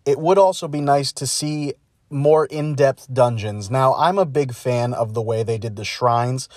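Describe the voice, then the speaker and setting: A man hosts his podcast alone, his voice captured on a phone while he sits in a car. The sound is dry and close with no room echo. His pitch is middling, and he talks thoughtfully, often stopping with an "uh" to find the right word. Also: unhurried. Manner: thoughtful, searching for words with frequent uh's. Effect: recorded on a phone. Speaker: podcast host. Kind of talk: casual solo commentary. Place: inside a parked car.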